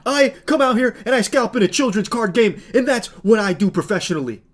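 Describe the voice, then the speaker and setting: A man doing a shouty, mocking impression of a self-righteous male card seller. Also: high-pitched, expressive, a little fast, pitched above the performer's own voice. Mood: indignant.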